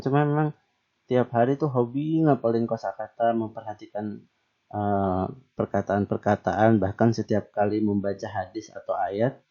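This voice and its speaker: A man teaching Arabic grammar in a relaxed, chatty online lesson, asking himself questions and pausing on fillers. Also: fairly low pitch, muffled recording.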